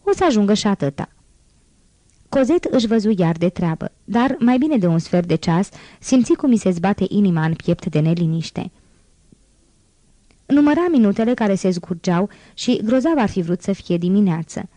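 A woman reading a classic novel aloud as an audiobook, in a calm, measured storytelling manner. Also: mid-range voice, dry recording. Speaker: audiobook reader.

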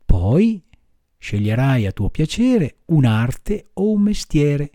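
A man voicing a patient, motherly fairy woman, speaking softly and firmly in an audiobook reading. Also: sing-song, dry recording, clean studio sound. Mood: gentle. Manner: soft lowered voice, measured admonishing tone. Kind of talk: audiobook character voice.

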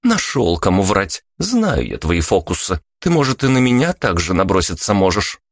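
A man voicing a sharp-tongued young woman who teases and swears freely in a storybook reading. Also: low-pitched, huge pitch swings, normal speed, no room sound, clean studio sound, full character voice. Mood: accusing. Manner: teasing, brash, swears freely. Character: sharp-tongued young red-haired woman, teasing and brash.

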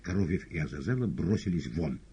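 A man reading an audiobook novel in a calm, steady narration. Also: sits low, a little fast, a little hiss or hum. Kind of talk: scripted narration. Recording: dull lo-fi audiobook recording.

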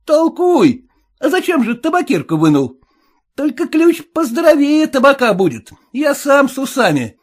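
A man doing a shrill, cocky cab driver. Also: very animated, normal speed. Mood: suspicious, boastful. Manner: shrill, boastful, folksy. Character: suspicious, cocky male peasant cab driver.

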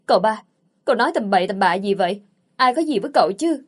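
A woman reading the part of a young wife who is quick to anger and sharp-tongued. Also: mid-range voice, lively intonation, lightly acted. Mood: flustered.

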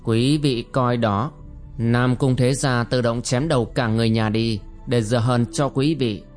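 A scheming young villain who talks his way out of blame, calculating and slow, as a male storyteller reads his lines. Soft music runs underneath. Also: medium pitch, steady tone, close to an everyday voice. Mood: defensive. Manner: calculating, self-justifying.

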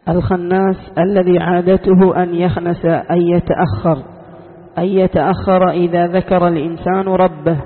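A high but flat-toned man reading a classical text aloud in steady, even phrases. The recording is thin and phone-like, with a long reverb trailing off in a large hall. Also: moderate pace.

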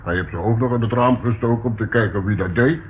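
The tinny, faintly noisy old radio recording captures an actor, lightly acted and matter-of-fact, playing a homely, helpful working man who is plain-spoken and a little hesitant. He has a medium-pitched voice and talks fast.

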